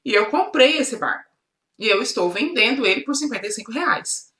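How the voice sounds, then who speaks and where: A woman's voice: a little high, expressive, moderate pace, fairly bright tone, echoey room. A Brazilian woman voicing a firm, matter-of-fact male shopkeeper in a children's story.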